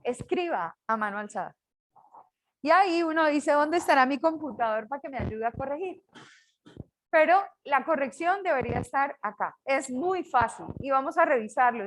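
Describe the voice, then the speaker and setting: An older woman from Colombia with a Colombian accent, teaching a class with a lively, joking manner. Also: high voice, poor audio. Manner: lively, jokes with students. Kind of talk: online class lecture.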